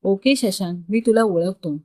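A woman's voice: mid-range voice, unhurried, darkish tone, no room sound, natural voice. A woman storyteller voicing a friendly, teasing young male coworker in a dry, close recording. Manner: easygoing, teasing.

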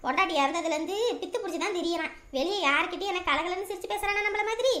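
Woman playing a shrill gossiping village woman. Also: very fast, a bit bright. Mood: scornful. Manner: scolding, chatty, exclaiming. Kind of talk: Tamil village comedy drama acting.

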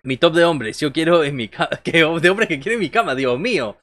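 Higher-voiced man, casual livestream wrestling commentator. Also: animated, a little fast, fairly bright tone. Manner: joking, conversational, reacting to chat and calling moves. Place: small bedroom, indoors.

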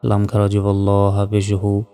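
A man patiently spells out Arabic syllables one by one, then chants each word whole. His voice is dark, mellow and smooth. It sounds like a long-reverb hall, with faint music underneath. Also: lowish voice, completely flat delivery, unhurried. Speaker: Quran reading teacher. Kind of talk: slow letter-by-letter Quran spelling lesson.

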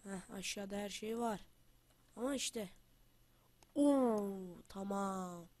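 A woman with the flu giving casual gameplay commentary as a channel host. She trash-talks loudly, then drops to quiet muttering to herself. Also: medium pitch, slow pace, no room sound. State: has the flu.

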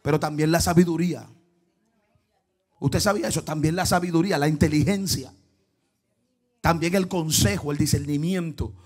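A male pastor preaches in a high, bright-pitched voice. He swings between near-whispered asides and loud shouted exclamations. He keeps asking the congregation questions as he goes. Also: fairly even intonation, moderate pace, long pauses. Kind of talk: lively Pentecostal sermon.

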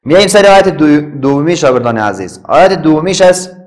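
A man with an Afghan Dari accent teaching a Quran class, spelling out letters and vowels slowly and chanting the verses. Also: on the high side, animated. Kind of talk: classroom recitation lesson.

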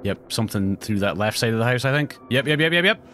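A man streaming a horror game, talking to his viewers as he plays, jumpy and quick to swear. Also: medium pitch, expressive, a bit bright, a little hiss or hum. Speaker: let's play streamer. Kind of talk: live gameplay commentary.

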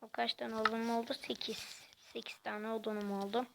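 A woman giving casual, quiet gameplay commentary in a soft, halting way. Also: fairly high pitch, level tone, vocal fry, a little hiss or hum. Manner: talks quietly and softly; halting, hesitant delivery. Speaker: gaming channel host.

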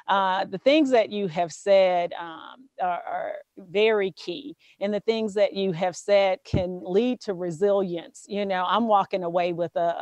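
A woman's voice: medium pitch, a little mellow, no room sound, lo-fi sound. A woman with a Southern US accent interviewing a guest in a casual, affirming way, with many fillers. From Southern US, Louisiana bayous.

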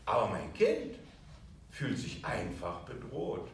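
Animated man lecturing in an echoey room. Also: lowish voice, slow, distant mic. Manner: animated, acting out quoted voices. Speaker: teacher of a video course. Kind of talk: emotional lecture.

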